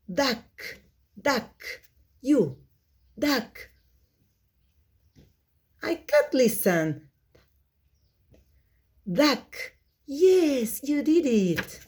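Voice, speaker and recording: Female children's lesson host, higher voice, singsong delivery, very slow pacing with lots of repetition. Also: big pitch swings. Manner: singsong, repeating words slowly for young children. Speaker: children's English teacher, host.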